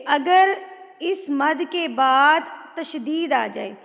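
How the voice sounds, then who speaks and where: A woman teaching a Quran recitation lesson, explaining rules patiently and chanting words in long drawn-out tones. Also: high voice, creaky, a bit bright. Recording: long hall reverb.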